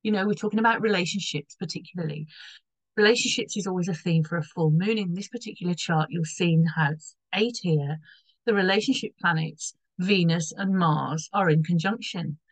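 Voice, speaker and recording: A woman with a croaky voice explaining an astrology chart, rambling a little and correcting herself as she goes. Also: on the low side, moderate pace, no echo, poor audio. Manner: rambling, loses her thread and corrects herself.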